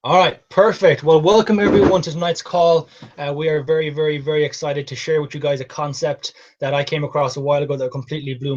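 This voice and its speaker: A man's voice: a little high, darkish tone. A man in his twenties with a west of Ireland accent, hosting a call and introducing things eagerly, repeating words for emphasis. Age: 20s. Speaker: call host. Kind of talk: enthusiastic presenter introduction. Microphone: online or phone call. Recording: dull lo-fi call audio.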